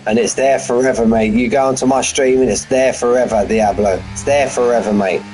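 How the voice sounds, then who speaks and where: A man's voice: medium pitch, fairly even intonation, fairly quick, a little mellow, faint music behind, low-quality recording. Bantering man calling a sim race. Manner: chatty, bantering with viewers, laughs often. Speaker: sim racing commentator. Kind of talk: live stream race commentary. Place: front room at home.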